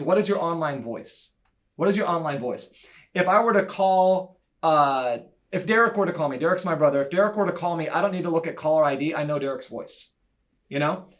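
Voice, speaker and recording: A man giving an enthusiastic, chatty breakout talk at a church conference, with quick asides and laughs. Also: fairly high pitch. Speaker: church media leader speaking at a conference breakout. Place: church breakout session room.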